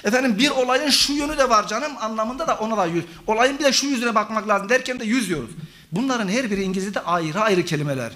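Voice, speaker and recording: A middle-aged professor lectures at an academic conference in a conference hall, running through lists of examples and synonyms while addressing the crowd as friends. He talks quickly and animatedly in a high, somewhat bright voice.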